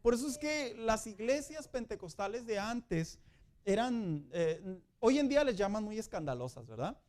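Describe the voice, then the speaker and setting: A middle-aged pastor gives a Sunday school sermon. He talks to his listeners as brothers and sisters and jokes as he goes. His voice sits high for a man. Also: moderate pace. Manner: lively, joking preacher addressing "hermanos".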